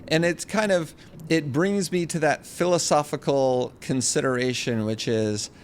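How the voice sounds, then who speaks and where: A man's voice: fairly high pitch, steady tone, a little slow, slight background noise. A man hosting a podcast, introducing his guest and musing in a loose, rambling way with many restarts. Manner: reflective, rambling, restarts phrases. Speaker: podcast host. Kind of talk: casual podcast interview.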